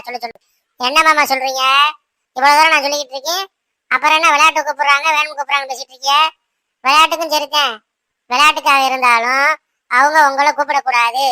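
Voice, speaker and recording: Woman playing a firm cartoon wife, high bright voice, insists and lectures at a quick clip. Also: dry recording. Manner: insistent, lecturing, repeats "சரியா?". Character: young wife, proud, stubborn, quick to anger. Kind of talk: cartoon voice acting.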